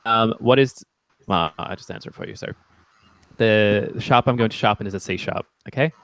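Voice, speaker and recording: A man with a lowish, gravelly voice walks a student through music theory in a relaxed, chatty lesson. He explains with plenty of ums and okays and drifts into playful, self-teasing jokes. The sound is close and dry. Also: moderate pace, no echo. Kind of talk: casual one-on-one lesson.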